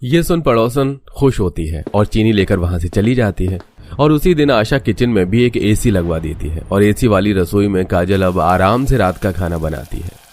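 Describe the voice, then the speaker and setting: Male narrator for an animated family tale, steady and low. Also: moderate pace, a little hiss or hum. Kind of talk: scripted storybook narration.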